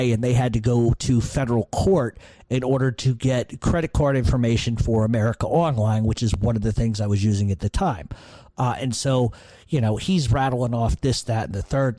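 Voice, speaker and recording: Profane, blunt man with a dark voice. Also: mid-range voice, no echo. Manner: profane, blunt, streetwise storytelling. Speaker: podcast host. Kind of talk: casual storytelling.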